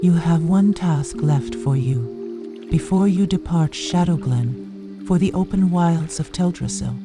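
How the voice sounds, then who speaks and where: Guy playing a kindly wise elf teacher, formal, slow, fantasy game, music behind. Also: fairly high pitch. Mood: grave, kindly. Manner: formal, measured. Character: wise, kindly night elf druid mentor. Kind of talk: scripted fantasy game dialogue.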